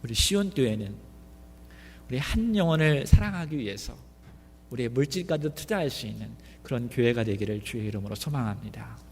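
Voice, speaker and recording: In a church sanctuary with long hall reverb and slight background noise, a man preaches a sermon full of questions for the congregation. His mid-range voice is animated, a little mellow, and a little fast.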